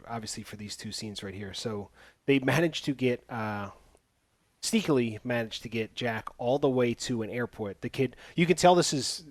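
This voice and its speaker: This podcast host, a man with a medium-pitched voice, casually recaps a movie's plot and drops sarcastic asides along the way. There's no room sound in the recording.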